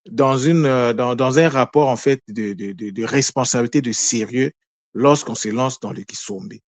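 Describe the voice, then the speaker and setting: Man teaching with halting restarts. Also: medium pitch, no echo. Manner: searching for words, many repeated restarts; asks himself questions then answers them. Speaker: spiritual teacher. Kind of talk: spoken teaching on word meanings.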